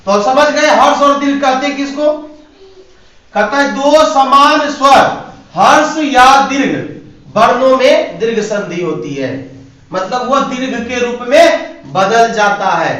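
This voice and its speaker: A man's voice: very high voice, a bit bright. A man teaching a grammar lesson to a class. He asks them questions and repeats the key points again and again. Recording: echoey classroom from far off.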